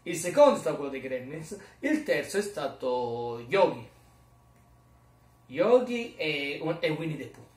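A man's voice: fairly high pitch, sing-song, a little slow. A man vlogging in a rambling, jokey, self-mocking casual chat. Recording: roomy echo, mic far off.

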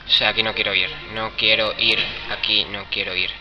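A man's voice: fairly low pitch, flat delivery, moderate pace, lo-fi sound. A man with a Spain Spanish accent commenting on his gameplay with crude, joking remarks. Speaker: gamer. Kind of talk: let's play commentary. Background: video game music.

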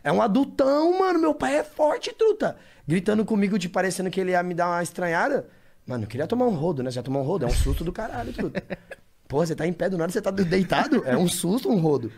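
A man chatting on a podcast in a quick, bouncy voice that swings up and down a lot. His talk is loose and slangy, packed with swearing. He laughs through his own story. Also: high-pitched, sing-song, a little mellow. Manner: slangy, profane, laughing while telling. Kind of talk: casual storytelling.

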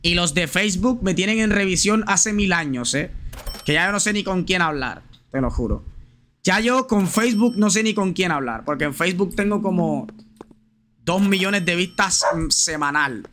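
A male live streamer talking loosely over gameplay, slangy and chatty, addressing his viewers directly. His voice sits a little high and rings bright and forward, with a faint hiss of noise under it. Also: normal speed. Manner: chatty, slangy, talks straight to viewers and reads chat aloud. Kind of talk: casual live gameplay chat.

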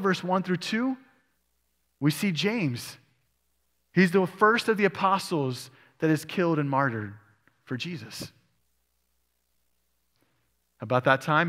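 In a church sanctuary with long hall reverb, a male pastor delivers a sermon, reading passages of scripture and posing questions to the congregation. His voice is a little high with a fairly bright tone.

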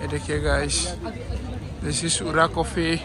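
A young adult man, a travel vlogger, chats casually about his trip while walking outdoors past a busy festival and roadside, holding his phone camera at arm's length. His voice is fairly high and flat, and he speaks slowly. Crowd noise makes the phone recording noisy.

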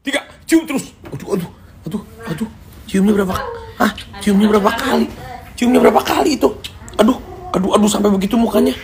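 A woman's voice: medium pitch, quick pace, a crowd in the background. A woman exclaiming fondly over small children in a casual home video. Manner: fond, exclaiming over the kids. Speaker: family member with the children.

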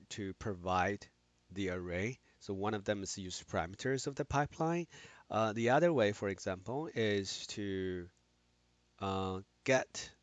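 A man explaining software in a screen-recorded tutorial, talking haltingly with many restarts and fillers. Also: on the low side, no echo. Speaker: instructor.

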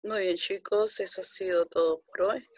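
A woman's voice: medium pitch, steady tone, normal speed, no room sound. A woman teaching a grammar lesson to primary school children, patiently counting out syllables one by one.

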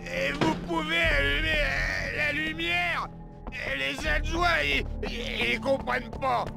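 A man playing a frightened, pleading jailhouse regular in a video game, stammering in a gravelly voice. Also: very high-pitched, steady tone, over loud music, exaggerated voice. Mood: frantic, pleading. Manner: stammering, drawn-out.

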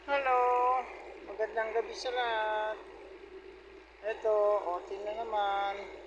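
Man, casual vlog, phone audio, unhurried drawn-out talk, chatty narration, clear vehicle noise. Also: sits high, steady tone, muffled recording. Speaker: worker vlogging his day.

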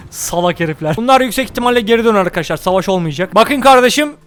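A man with a Turkish accent giving rowdy gameplay commentary, swearing and shouting at the characters on screen. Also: high voice, animated, fast. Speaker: gaming YouTuber.

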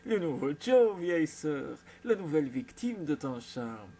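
Un homme qui lit un roman et prête sa voix à un jeune frère taquin, moqueur et exubérant. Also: male voice, fairly high pitch, big pitch swings, unhurried, mellow, slightly rough, exaggerated voice. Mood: excité. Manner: mocking, exuberant. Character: teasing young adult brother.

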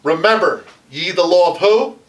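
A middle-aged man, a pastor, leading an animated Bible study at a lectern in a small church room, recorded by a distant camera. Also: sits high, normal speed. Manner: animated, gestures while teaching at a lectern. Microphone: far camera.

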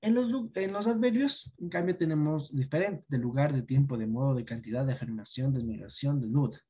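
A patient teacher walking students through an online lesson. The voice is mellow and a little husky, with a middle pitch. Points are often closed with a quick check that the class follows. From Ecuador. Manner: explains patiently, asks checking questions.

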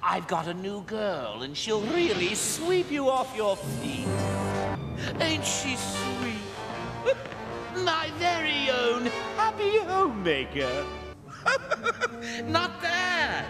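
A high, wildly swooping voice of a manic male clown supervillain, drawing out his words with sing-song menace. He giggles and flips from silky purring to shrieking glee. A loud orchestral cartoon score plays under every line. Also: very animated, takes it slowly, over loud music, full character voice. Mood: gloating mania. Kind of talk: animated series voice acting. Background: orchestral score and sound effects.

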